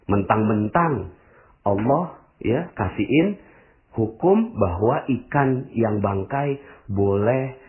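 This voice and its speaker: A man preaching a motivational sermon in speech, rhetorical and animated, often calling his listeners "Bapak Ibu". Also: lowish voice, slow pace, long pauses. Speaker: Islamic preacher. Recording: tinny lo-fi recording.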